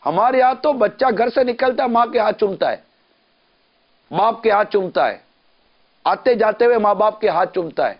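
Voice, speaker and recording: High-voiced, emphatic preacher. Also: male voice, lively intonation, pauses often, dull audio. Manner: emphatic, rhetorical, with repeated questions and lists. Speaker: Islamic preacher. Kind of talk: televised sermon.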